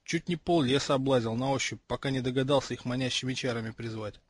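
Figure: brisk, confident schoolboy wizard, read by a man. Quality: husky. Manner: offhand. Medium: audiobook. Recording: dry. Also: medium pitch, no room sound, natural voice. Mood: explaining.

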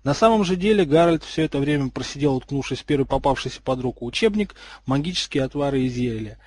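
A man narrating a story aloud in a steady, slightly lively reading voice. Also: fairly high pitch, fast talker, no echo.

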